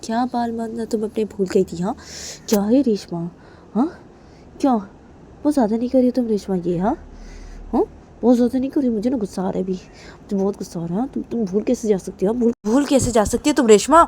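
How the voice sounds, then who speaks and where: A woman voicing Kajal, a hot-tempered young woman scolding her partner with loud repeated questions. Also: mid-range voice, moderate pace, a little hiss or hum, close to an everyday voice. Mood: angry scolding. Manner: shouting angry questions, repeating "हाँ?".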